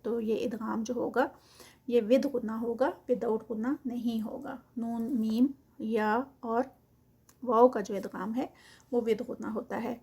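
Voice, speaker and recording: A woman gives a recitation lesson with a slightly high voice. She chants each phrase slowly and stretched out, then drops into quick, matter-of-fact explanation of the rules. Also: mellow, breathy edge. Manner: alternates slow drawn-out recitation with quick explanations. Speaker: Quran recitation teacher. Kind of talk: tajweed lesson with slow recitation.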